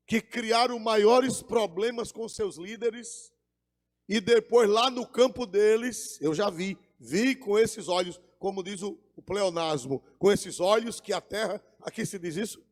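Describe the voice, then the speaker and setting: A man's voice: high-pitched, darkish tone. A man preaching a fervent sermon, calling out to the congregation. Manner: fervent, call-and-response with the congregation. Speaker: pastor. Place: church. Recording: echoey church hall.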